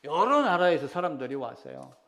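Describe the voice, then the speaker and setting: A male pastor with a slightly high, creaky voice speaks briskly, his pitch swinging widely. His sermon is conversational: he poses questions to the congregation and alternates between loud emphasis and quiet asides.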